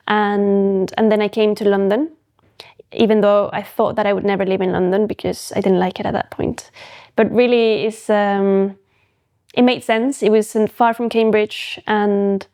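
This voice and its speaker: A young Mexican photographic artist whose first language is Spanish speaks as a podcast guest in a casual interview. Her medium-pitched voice is mellow, and she talks thoughtfully, often restarting her sentences.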